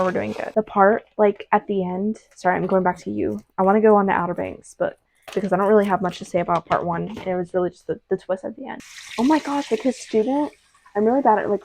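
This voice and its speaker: A woman's voice: medium pitch, creaky, a little mellow, slight background noise. A young woman chatting casually while baking in her home kitchen, talking loosely with lots of fillers and restarts. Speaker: vlogger. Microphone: small clip-on mic.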